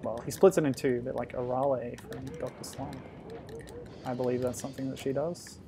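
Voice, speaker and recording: A man casually commenting on a retro game as he plays, thinking aloud with sudden loud exclamations. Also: medium pitch, fairly even intonation, a little fast, background noise. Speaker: streamer.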